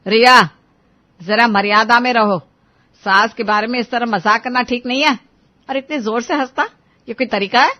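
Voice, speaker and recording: A woman's voice: mid-range voice, lively intonation, normal speed, no room sound, lo-fi sound, natural voice. A woman voicing a strict, easily offended middle-aged mother-in-law with a scolding manner. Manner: scolding, stern.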